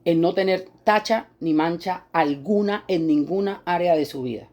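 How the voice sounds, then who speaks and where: A woman preacher giving an animated sermon, acting out quoted people in high mocking voices. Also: normal speed, lo-fi sound.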